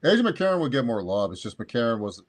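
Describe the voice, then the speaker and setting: A man's voice: mid-range voice, sing-song, quick pace. A man in his thirties co-hosting a sports podcast, rambling casually with crude jokes and frequent restarts. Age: 30s. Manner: rambling, crude, self-interrupting. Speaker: podcast co-host.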